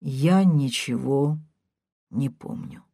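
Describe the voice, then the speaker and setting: A woman reading a numb, quiet forty-year-old man. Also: sits low, slow pace, husky, no room sound, clean studio sound, full character voice. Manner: flat, quiet, withdrawn.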